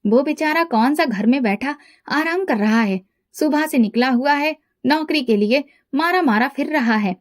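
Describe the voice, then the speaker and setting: A woman's voice: high-pitched, moderate pace, lightly acted. A woman voicing a middle-aged mother who scolds her daughter but cares for her family. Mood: scolding. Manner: chiding, reproachful.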